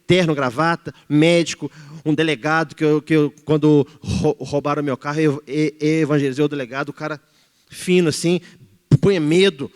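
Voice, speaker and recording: A Brazilian man preaching a sermon in a church, shifting between loud exhortation and hushed pleading. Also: on the high side, fairly even intonation, moderate pace. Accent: Brazilian Portuguese. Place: church hall. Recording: reverberant church hall.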